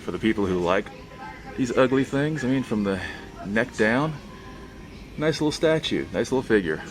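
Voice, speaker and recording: Browsing a store aisle for toys, a man vlogging offers casual commentary under his breath as music plays behind him. He talks at a moderate pace, medium in pitch, with lively intonation.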